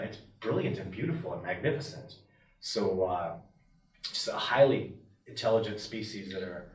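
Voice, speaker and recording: Emphatic man in a roomy room. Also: lowish voice. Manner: emphatic, animated, often voices what others might say. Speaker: wilderness expert interviewee. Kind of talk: passionate interview talk. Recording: roomy and distant from the mic.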